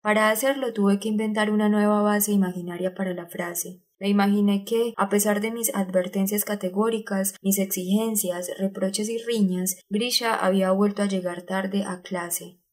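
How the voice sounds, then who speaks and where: A woman narrating a book aloud in a measured, even reading voice. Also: mid-range voice. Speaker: audiobook narrator.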